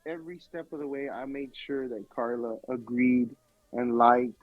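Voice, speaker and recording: A man speaking as a music producer guest in a casual radio interview, telling stories in an animated way, heard over a tinny dry phone line. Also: mid-range voice, moderate pace, no echo. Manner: animated storytelling.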